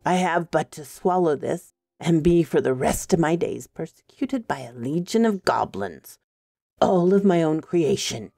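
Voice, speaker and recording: A woman's voice: deep voice, expressive, unhurried, creaky, mellow, no room sound, clean studio sound, full character voice. A woman voicing a frightened old miser in a storybook reading, with a strained, pleading delivery.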